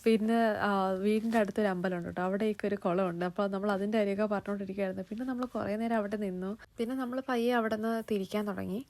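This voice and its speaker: A woman's voice: medium pitch, steady tone, very fast, darkish tone. A woman vlogger with a Malayali accent narrating casually, mixing some English words into her Malayalam. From Kerala, India.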